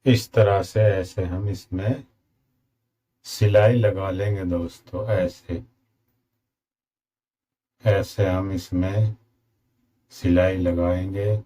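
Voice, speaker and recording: A man with a slightly sore throat gives a slow, repetitive step-by-step sewing tutorial as a tailoring instructor. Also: low voice, fairly even intonation, dark tone. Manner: slow, repetitive instructions addressing viewers as friends.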